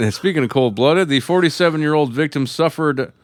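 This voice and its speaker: A man's voice: a little high, moderate pace. An American man co-hosting a comedy podcast, reading out news stories in casual chat and laughing often between lines. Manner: laughs often while reading headlines aloud. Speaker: podcast co-host.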